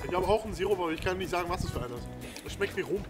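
A young man chatting casually and excitedly in an outdoor food challenge, egging on his friend. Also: sits high, very fast, over music. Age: young adult. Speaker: challenge host. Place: snowy garden, outdoors. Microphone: camera a few metres away.

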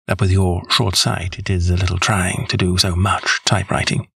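A man's voice: low voice, level tone, moderate pace, vocal fry, fairly bright tone, husky, no echo, clean studio sound, full character voice. A man voicing a shrewd, composed detective in an audiobook, speaking precisely and with assurance. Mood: amused, assured. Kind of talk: audiobook character voice.

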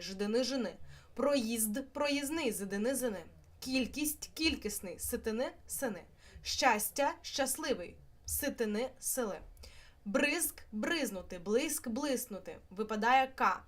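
Upbeat young woman teacher, high voice. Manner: lively, clearly spelling out word examples. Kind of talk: online exam-prep lesson.

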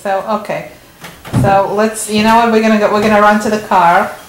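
A woman's voice: mid-range voice, fairly even intonation, fairly quick. A woman chatting casually with children as she hosts a food challenge, asking questions in a teasing way. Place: indoor room at home, off camera. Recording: roomy echo, faint background noise.

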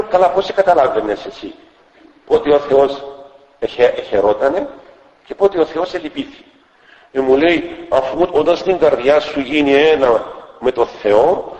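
Older Cypriot bishop preaching in a hall. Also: male voice, fairly high pitch, lively intonation, darkish tone, highs cut off. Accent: Cypriot Greek. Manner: storytelling, acts out quoted dialogue. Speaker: Orthodox metropolitan bishop. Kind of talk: sermon with retold stories.

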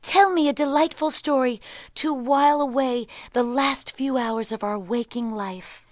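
A woman's voice: high voice, unhurried, no echo, studio quality, pitched above the performer's own voice. A woman voicing an eager young girl, a younger sister, coaxing in a storybook reading.

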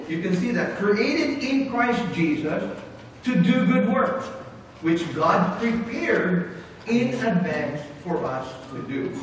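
Middle-aged man, pastor, lively sermon, high voice, echoey church hall. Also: recorded from a distance, a little hiss or hum. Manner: animated preaching with big hand gestures, moving about the stage. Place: church sanctuary with brick wall, indoors.

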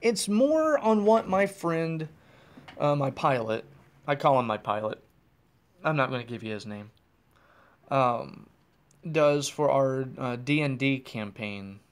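Driving along, an American man hosts his podcast by himself, chatting in a meandering manner and repeatedly correcting himself. His medium-pitched voice is smooth with lively intonation, and he takes it slowly with long pauses.

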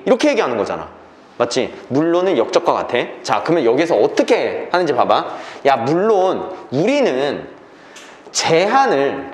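A man's voice: medium pitch, reverberant. A man teaching an English reading class, lecturing and often checking that the students follow.

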